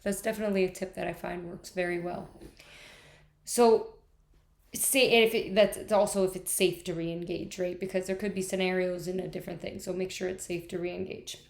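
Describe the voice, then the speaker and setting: A woman's voice: on the low side, little pitch movement, brisk, gravelly. A woman talking candidly in a rambling, profane, stream-of-consciousness monologue, often restarting and trailing off. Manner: restless, frequent restarts and trailing off. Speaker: vlogger.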